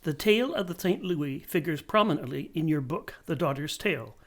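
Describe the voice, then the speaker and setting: TV reporter, male, slightly high voice, polite scripted delivery. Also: animated, fairly quick. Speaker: reporter and host. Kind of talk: broadcast reporting.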